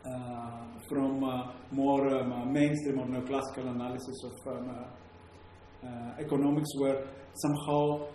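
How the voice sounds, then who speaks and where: Speaking with a Greek accent, this lecturer addresses a live audience haltingly, full of fillers and false starts. His medium-pitched, mellow voice barely moves in pitch and runs a little slow, almost without pauses. Faint noise sits under heavy room echo.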